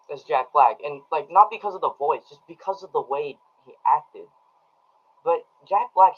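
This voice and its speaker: A man's voice: a little high, breathy edge. A man giving a casual, rambling movie review to his live chat, full of ums and restarts. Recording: dull lo-fi audio.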